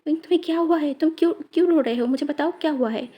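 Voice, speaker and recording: A woman voicing a stern, protective older uncle who scolds and fusses with rapid questions. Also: high voice, warm tone, voice pushed up, lightly acted. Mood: worried.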